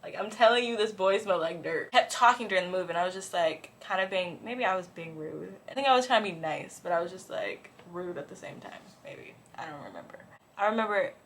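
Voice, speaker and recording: A young woman vlogger chatting casually through a storytime as she gets ready, animated and profane, full of "like" and "bro". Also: on the low side, a little fast, slight background noise. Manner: animated, swings between loud and hushed. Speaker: beauty and lifestyle vlogger.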